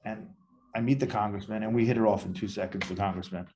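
A man with a low, dark, mellow voice tells a long rambling story in a casual interview. He jumps between scenes and acts out what everyone said. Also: fairly even intonation, fast, a little hiss or hum. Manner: rambling anecdotes, acts out quoted dialogue. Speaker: podcast guest.

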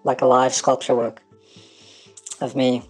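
A man whose voice has been electronically disguised and pitched down to hide his identity. He tells a personal story as an anonymous interviewee, hesitantly, with many ums and restarts. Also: level tone, unhurried, faint music behind, poor audio.

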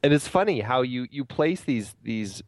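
A man's voice: medium pitch, lively intonation, moderate pace, a little mellow, no room sound, studio quality. A middle-aged man co-hosting a podcast, reflecting on film and love in a thoughtful way. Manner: thoughtful and reflective, laughs easily. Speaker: podcast co-host. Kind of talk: casual film discussion.

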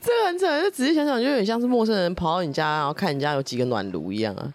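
A woman's voice: low voice, lively intonation, very fast. A woman with a Taiwanese accent co-hosting a casual chat, throwing in slangy, exclaiming reactions. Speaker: podcast co-host.

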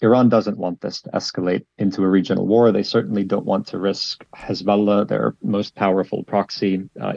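Gravelly male correspondent on a dull line. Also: fairly low pitch, darkish tone, no room sound. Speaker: Middle East correspondent. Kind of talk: news analysis in a live-style interview.

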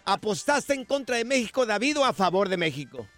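A lively male radio host with a high voice that swings up and down, teasing callers and running a prank call. Loud music plays beneath his talk. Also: fairly quick. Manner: lively, teasing, plays a stern bar manager.

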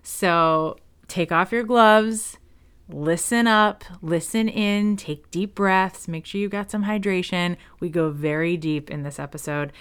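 A woman's voice: fairly low pitch, fairly even intonation, measured pace, smooth. A woman hosting a podcast, gushing and enthusiastic as she introduces and interviews her guest. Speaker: podcast host.

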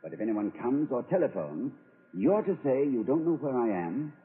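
An actor playing a whimsical, pompous middle-aged college president, talking in playful, flowery phrases in a 1940s radio comedy. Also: male voice, mid-range voice, sing-song, moderate pace, breathy edge. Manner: grandiloquent, playful, poetic flourishes. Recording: tinny old radio broadcast.

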